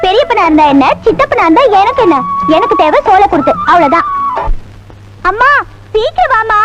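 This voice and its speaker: An actress playing a lively young village girl who bosses her friends and calls for her mother. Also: extremely high pitch, fairly quick, music in the background. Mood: bossy. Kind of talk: Tamil film drama acting.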